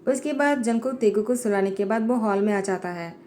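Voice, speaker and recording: A woman reading a fan fiction story as a voiceover, narrating in a plain, steady way, with faint music behind her. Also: mid-range voice, brisk. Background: faint background music.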